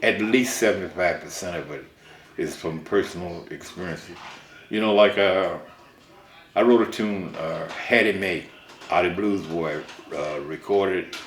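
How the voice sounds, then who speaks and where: A man's voice: low-pitched, a little slow, echoey room, a little hiss or hum. An older man from Mississippi, a songwriter, recalling his life in a rambling way with many restarts.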